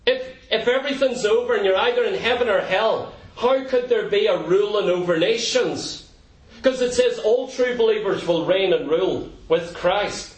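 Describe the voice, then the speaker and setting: A man preaching a sermon to his church, fervent and emphatic, driving his points home with repetition. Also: high voice. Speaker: pastor. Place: church sanctuary. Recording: echoey hall, distant mic.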